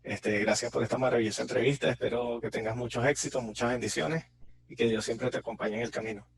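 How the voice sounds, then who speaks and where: A man with a gravelly, middle-pitched voice hosts an interview. He speaks courteously and offers his guest thanks and good wishes. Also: steady tone, fast, slight background noise, low-quality recording. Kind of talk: interview host.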